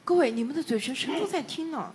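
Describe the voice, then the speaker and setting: A woman gives a consecutive interpretation of a sermon in a church. Her voice is high and lively, and her delivery is very slow and measured. A faint hiss hangs behind her. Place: church sanctuary.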